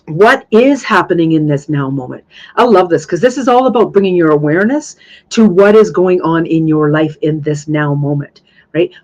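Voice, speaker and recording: Her voice is fairly low and darkish, captured with lo-fi sound. She's a thirtysomething woman running a live spiritual question-and-answer session, speaking with earnest enthusiasm and echoing her own phrases to stress them.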